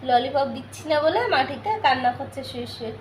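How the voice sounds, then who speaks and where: A woman with a high voice talks in a coaxing, teasing, sing-song way, as a parent filming her small child at home. The room around her is echoey. Faint ambience sits behind her voice. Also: fairly even intonation, fast, slight background noise. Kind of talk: casual home video talk to a small child.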